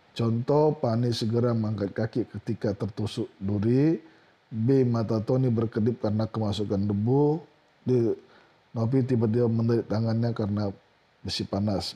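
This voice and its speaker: Man calmly explaining exam answers. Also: medium pitch, breathy edge. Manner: reads questions and answers in a steady, plain lecturing tone with occasional fillers. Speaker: teacher.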